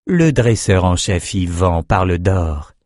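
Man voicing a smooth flattering sorcerer lord, drawn-out and self-assured, low voice, dry. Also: no room sound. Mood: suave.

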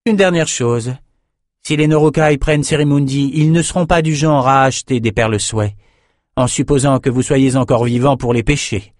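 A man's voice: mid-range voice, fairly even intonation, normal speed, darkish tone, dry recording, voice pushed up, natural voice. A man voicing a proud sorceress woman who answers with dry, cutting retorts.

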